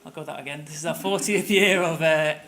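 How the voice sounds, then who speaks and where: With a brisk, somewhat bright voice on the high side, a middle-aged English tour operator with a Manchester accent presents at a conference. His delivery is conversational, marked by frequent fillers and restarts, and he speaks in a conference room.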